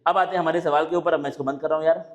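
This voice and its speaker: A young man teaching an exam-prep biology lesson, asking himself rhetorical questions and answering them, and reading English terms out slowly. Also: fairly high pitch, steady tone. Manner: mixes Hindi with English technical terms, reads options slowly.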